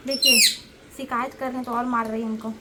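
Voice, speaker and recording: A woman's voice: a little high, level tone, a little fast, sharp tone. A woman from Bihar with a Bihari Hindi accent, chatting casually in her village vlog and calling out to animals. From Bihar, India. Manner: chatty, coaxing animals with repeated calls. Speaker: vlogger. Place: village outdoors, then in an auto-rickshaw.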